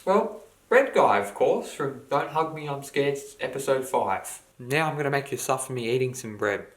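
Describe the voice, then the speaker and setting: A man in his early twenties with an Australian accent chats casually and playfully while answering viewer questions in a Q&A video. His mid-range voice is animated and moves at a moderate pace.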